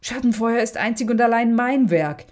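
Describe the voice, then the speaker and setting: A woman reading the part of a furious, unhinged artist who shouts and shrieks in bitter rage. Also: a little high, animated, normal speed, voice pushed up, natural voice.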